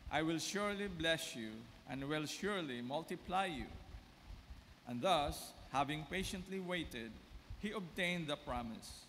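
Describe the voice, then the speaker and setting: A man in his fifties reading scripture formally as a lector, solemn and deliberate, at a lectern microphone in a church. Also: fairly high pitch, a bit bright. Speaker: lector at Mass. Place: church, indoors. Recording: reverberant church, faint background noise.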